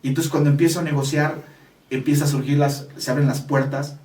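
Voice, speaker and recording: A man's voice: fairly high pitch, little pitch movement, a little fast, darkish tone, echoey room, far from the mic. A man with a Mexican Spanish accent, a business coach telling a personal story in an interview, earnest and emphatic, speaking straight to the listener.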